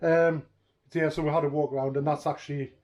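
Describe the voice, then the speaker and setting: A man's voice: fairly high pitch, level tone, quick pace, a little mellow, lo-fi sound. A middle-aged man, chatting casually in a home video diary and often trailing off mid-sentence. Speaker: vlogger. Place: living room at home.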